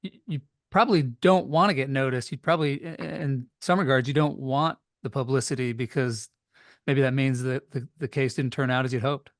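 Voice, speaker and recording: A man's voice: mid-range voice, fairly quick, dry recording, clean studio sound. A man hosting an interview in a casual, conversational style. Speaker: interview host.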